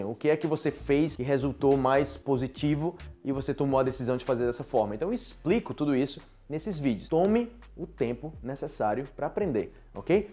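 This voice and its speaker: A man's voice: mid-range voice, dark tone. A man with a Brazilian accent teaching Portuguese in a podcast lesson, talking directly and conversationally and often checking in with his listeners. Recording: dull lo-fi sound with faint music.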